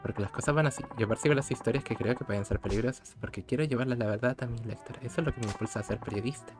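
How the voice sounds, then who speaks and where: A man's voice: mid-range voice, racing, close to an everyday voice. A man reading the lines of a stubborn young male journalist, earnest and determined. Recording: game music behind the voice.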